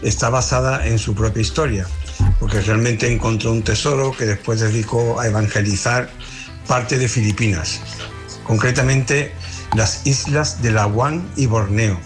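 A man from Cádiz, calling in to a radio show in a friendly, hurried way. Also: mid-range voice, fairly even intonation, soft background music. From Cádiz, Spain. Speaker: listener caller.

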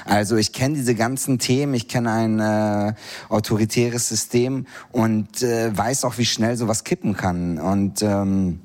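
Hesitant middle-aged man, slightly low voice. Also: steady tone, measured pace, darkish tone. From Iran. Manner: hesitant, many fillers. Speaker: graphic novel author. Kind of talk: interview answers.

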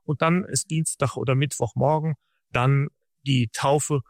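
Man, gravelly timbre, measured long answers, dry close mic, radio interview. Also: medium pitch, fairly even intonation, dry recording. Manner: measured, explanatory, long sentences.

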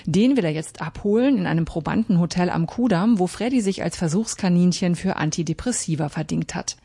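A woman literary critic delivering a scripted radio book review in a measured, articulate way. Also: lowish voice, expressive, dark tone, breathy edge.

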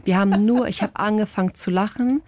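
A woman's voice: medium pitch, fast talker. A woman from Portugal, a guest and mother, chatting casually in an interview and acting out quoted dialogue as she tells her story. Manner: lively, acts out quoted dialogue.

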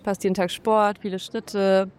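A passer-by answering in a street interview with rapid, flat chat. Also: mid-range voice, clear, resonant tone.

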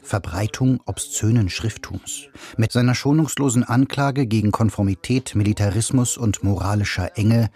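A man reading a scripted radio portrait in an even, measured way. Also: fairly low pitch, husky. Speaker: radio reporter. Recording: music bed under voice.

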